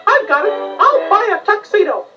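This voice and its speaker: A man voicing an innocent, cheerful cartoon mouse in a squeaky falsetto, bashful and polite, for a storybook read-along. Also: sing-song, moderate pace, far from the mic, dull audio, over music. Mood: chipper, bashful. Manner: bashful, hesitant, gee-whiz politeness.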